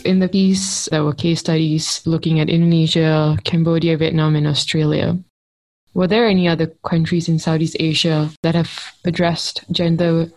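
This woman speaks in an even, level tone that barely rises or falls. She is originally from Malaysia and asks her questions in a thoughtful, conversational manner, dotting her talk with "you know.". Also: low-pitched, poor audio. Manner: thoughtful, measured, uses fillers like "you know". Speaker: interviewer. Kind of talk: conversational interview.

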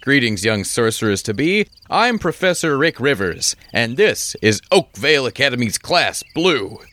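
A man's voice: medium pitch, big pitch swings, a little slow, pushed and bright. A man voicing a jovial, theatrical middle-aged male professor of magic.

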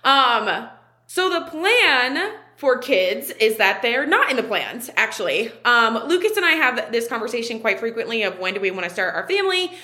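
A woman's voice: a little high, big pitch swings, normal speed, bright, forceful tone. A woman in her twenties hosting her own podcast, talking in a chatty, candid way with frequent fillers. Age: 20s. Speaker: podcast host and online wellness coach. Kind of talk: casual solo podcast talk.

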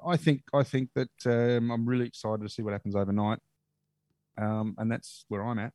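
A man's voice: mid-range voice, steady tone, normal speed, dark tone, no echo. Casual man, dry close recording. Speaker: podcast co-host. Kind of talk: casual banter.

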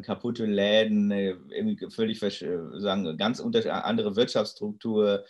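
Interview guest, man, low husky voice, searching for words. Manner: halting, many restarts and fillers. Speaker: interview guest, political thinker. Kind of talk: thoughtful interview answers.

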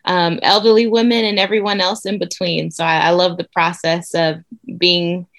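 Young woman guest from nigeria, bright voice, super excited, lots of ums. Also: fairly low pitch, normal speed, vocal fry. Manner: enthusiastic, upbeat, frequent fillers. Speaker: guest, doctor. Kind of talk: interview answers.

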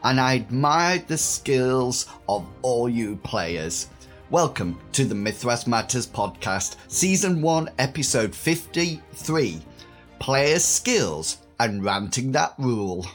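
Podcast host: British man, fifties, faintly husky after a cold-like sore throat, scripted delivery with lively intonation over soft music. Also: medium pitch, slow. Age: 50s. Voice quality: slightly husky. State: recovering from a sore throat and cough.

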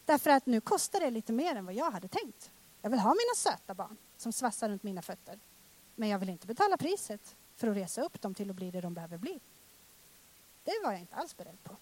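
A woman in her thirties preaching a personal testimony sermon, emotional and dramatic, swinging from loud exclamations to hushed words. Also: mid-range voice, big pitch swings.

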